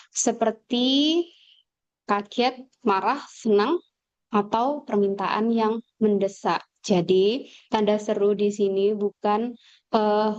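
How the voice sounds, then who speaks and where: A woman teacher explaining a lesson slowly on a video call, with fillers and pauses. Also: fairly high pitch, a little mellow, clean tone, dry recording. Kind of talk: online class lecture. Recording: dull lo-fi video call audio.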